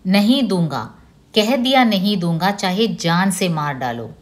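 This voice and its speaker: This is a stubborn young boy in a novel who refuses to back down, voiced by a woman reading aloud. He talks in a low voice, stressing each word. The reading is slow. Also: animated.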